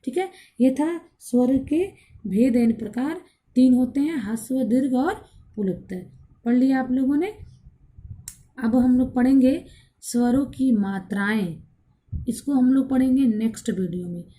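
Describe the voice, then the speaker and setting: A woman's voice: sits high, unhurried, warm tone. A woman teacher giving a grammar lesson who asks the class questions, then answers them herself and repeats each point. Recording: recorded for an online class video.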